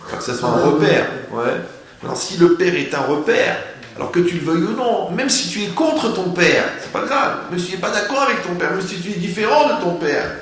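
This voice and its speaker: A man giving a lively, humorous sermon, asking rhetorical questions and playing on words. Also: sits high, brisk. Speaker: rabbi giving a Torah lesson. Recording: very echoey room, faint background noise.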